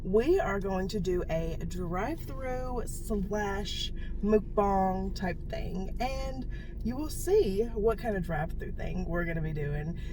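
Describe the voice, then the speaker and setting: A woman's voice: medium pitch, animated, slow pace. A woman co-hosting a casual vlog from inside a car, talking in a bubbly, playful way. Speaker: channel co-host. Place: inside a car at drive-thrus. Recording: car noise in the background.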